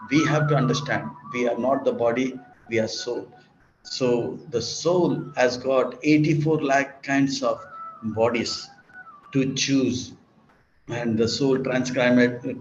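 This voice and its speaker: A monk and preacher delivers a sermon in a medium-pitched voice, using repetitive, list-like emphatic phrases and occasionally acting out dialogue. The lecture recording sounds roomy and dull, with slight background noise.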